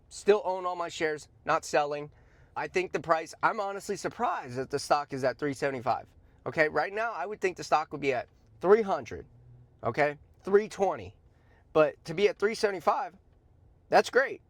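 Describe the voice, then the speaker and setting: A fairly high-pitched man, recorded dry, hosts a stock commentary show. He offers informal, opinionated commentary that's blunt, emphatic and conversational, dotted with slangy asides and repeated points for emphasis.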